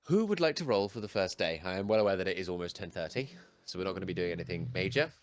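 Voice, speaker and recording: A man working as game master, narrating a tabletop fantasy game in measured, suspenseful short phrases. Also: low-pitched, expressive.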